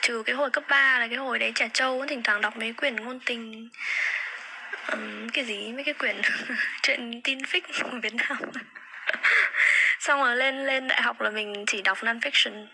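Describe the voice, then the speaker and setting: This livestream host, a young woman, speaks at a moderate pace with a voice on the high side, chatting casually and repeating words while she searches for them. It's a rough phone livestream recording with constant background noise.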